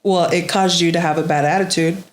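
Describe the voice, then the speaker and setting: A woman's voice: on the low side, fairly even intonation, fairly quick, roomy sound. A woman hosting a podcast, asking young players probing, coaching questions. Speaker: podcast host.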